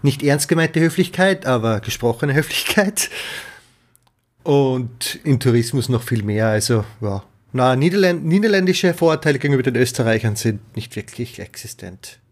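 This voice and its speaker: A man interviewing a guest in a relaxed, joking way. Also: mid-range voice, normal speed. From Austria. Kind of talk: casual conversation.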